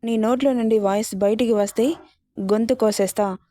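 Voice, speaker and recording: An angry young husband from a storybook , read out by a woman, clipped and threatening. He snaps his words in a mellow, slightly high voice, recorded close and dry. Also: steady tone, normal speed, no echo, lightly acted. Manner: curt and threatening.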